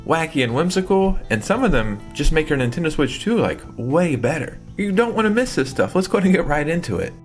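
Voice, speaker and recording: A man's voice: fairly high pitch, big pitch swings, fairly quick, hardly any pauses, faint music behind. A man hosting a casual gaming tutorial vlog, upbeat and chatty, leaning on "like" and laughing at his own slips. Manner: upbeat and chatty, heavy use of "like". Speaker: gaming YouTuber.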